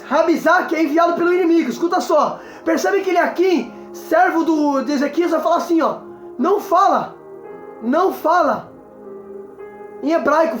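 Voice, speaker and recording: Man, Brazilian Portuguese accent, evangelist sermon, exhorting, very high voice, soft music behind. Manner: exhorting, repeats calls to listen. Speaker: evangelist preacher. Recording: echoey room with faint music.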